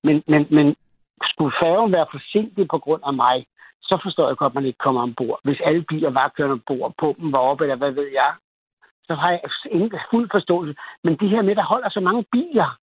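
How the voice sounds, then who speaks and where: A man's voice: on the high side, husky, no room sound. A man calling a radio show to tell a personal story, agitated and rambling, with many restarts and fillers. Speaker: caller. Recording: tinny phone line.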